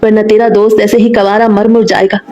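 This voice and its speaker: A woman's voice: medium pitch, little pitch movement, a little fast, mellow, close to an everyday voice. A woman voicing a young man's joking best friend in a romance audiobook, talking in a teasing way.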